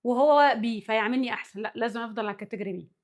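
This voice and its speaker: Egyptian woman, psychology teacher, rapid and a touch high-voiced, keeps checking the listeners follow. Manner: walks through worked examples. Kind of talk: spoken lesson.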